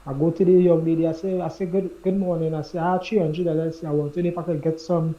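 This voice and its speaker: A man's voice: fairly high pitch, little pitch movement, fast, mellow, lo-fi sound. A Trinidadian man calling in to a talk show, telling a story with repetitions and acted-out dialogue. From Trinidad and Tobago. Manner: storytelling, repeats himself, acts out the dialogue. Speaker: caller. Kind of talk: phone-in chat.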